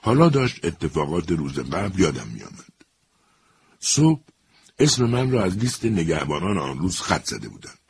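A man with a very low, deep voice reads a story aloud in a measured, even way. His narration is steady and deliberate. A faint hiss runs beneath the recording.

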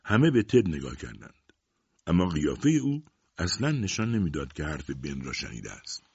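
A man narrating a story in a measured, expressive reading voice. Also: extremely low pitch, slightly rough, no room sound. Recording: dull lo-fi dry recording.

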